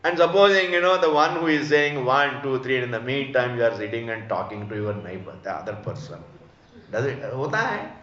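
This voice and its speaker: A spiritual teacher with an Indian accent delivers a religious discourse, didactic and emphatic, repeating phrases and throwing out rhetorical questions. His mid-range, slightly bright voice moves a little fast with hardly any pauses, recorded in an echoey room with slightly dull sound.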